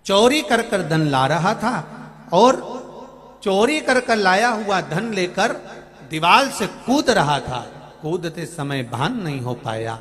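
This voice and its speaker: A man's voice: high voice, very animated, takes it slowly. Man preaching with sung verses. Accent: Madhya Pradesh Hindi. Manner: sings bhajan lines, then preaches with emphatic rising outbursts and soft drops. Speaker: kathavachak preacher. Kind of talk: devotional sermon with sung verses.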